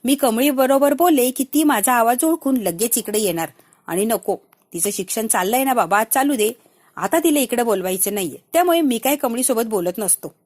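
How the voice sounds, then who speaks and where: Woman doing a sick tired old village auntie, slow faint talk, kinda high voice. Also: animated, a little mellow. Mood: insistent. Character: sick, weary older village aunt.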